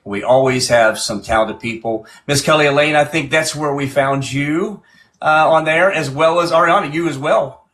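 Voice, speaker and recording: A man's voice: on the high side, normal speed, a bit bright. A man hosting a live-stream music show in a casual, chatty way, often repeating and restarting his phrases.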